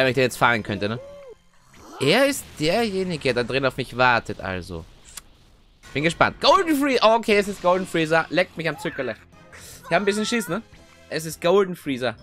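A young man giving chatty, excitable let's play commentary, often tagging his sentences with little questions. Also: fairly high pitch. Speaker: gaming video host. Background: faint game music.

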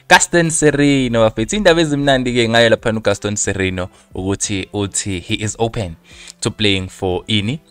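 A man's voice: fairly low pitch, fairly bright tone, no echo. A young man with a South African accent giving a casual, conversational football news update, mixing English with Zulu and addressing viewers as friends, close on a handheld microphone. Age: young adult. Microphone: handheld microphone close to the mouth.

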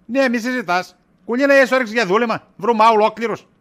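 A man acts out a weary, middle-aged shopkeeper husband in a comic sketch, his voice high-pitched and bright. Worn out and exasperated the whole way through, the evasive character wisecracks and deflects accusations with sarcasm.

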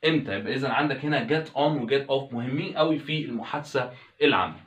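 A man with an Egyptian Arabic accent teaching an English lesson, repeating each example slowly and clearly. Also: medium pitch, fairly bright tone, echoey room. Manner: slow drawn-out English examples, repeats phrases. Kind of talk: explaining language lesson.

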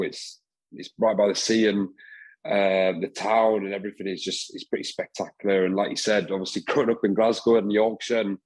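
Husky young man chatting on a call. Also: on the low side, low-quality recording. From England. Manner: relaxed, rambling with fillers and laughs. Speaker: guest rugby player. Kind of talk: casual podcast interview. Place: home room, indoors. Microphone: headset on video call.

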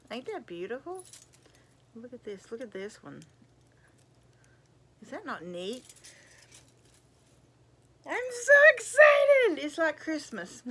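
An older woman chatting casually as she shows off gifts, gushing and exclaiming over each item in folksy, drawn-out phrases. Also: medium pitch, vocal fry, a little hiss or hum. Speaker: vlogger showing gifts. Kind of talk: casual show-and-tell chat.

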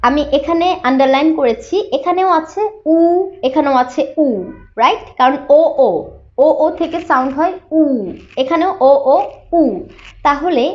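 A woman teaching a spoken English lesson, patiently repeating each sound slowly for her students. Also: sits high. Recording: slightly dull lo-fi sound.

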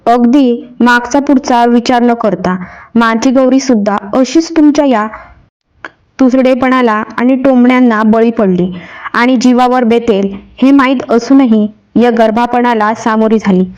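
A woman's voice: a little high, a little slow, a little mellow, lo-fi sound, lightly acted. A woman voicing a grieving young husband, pleading in grief and then standing firm, in a storybook reading. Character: grieving young husband, man, heartbroken and defiant.

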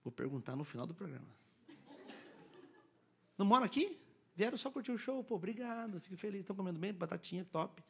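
High, lively Brazilian comic teasing a crowd. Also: male voice, fast talker, vocal fry, pauses often, slightly rough. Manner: teasing, loud, jokey banter with the audience. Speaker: stand-up comedian. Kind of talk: crowd work stand-up. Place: comedy club stage.

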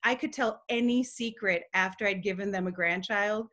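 A middle-aged woman chatting as a guest from home, telling lively stories and acting out the people she quotes. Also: mid-range voice, normal speed. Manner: lively storyteller who acts out quoted people. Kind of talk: casual chat.

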